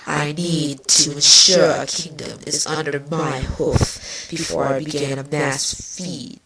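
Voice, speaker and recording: A woman voicing a scheming changeling queen villain, speaking deliberately and with emphasis in a fan fiction drama. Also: low-pitched, steady tone. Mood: intense. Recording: distant mic with clear background noise.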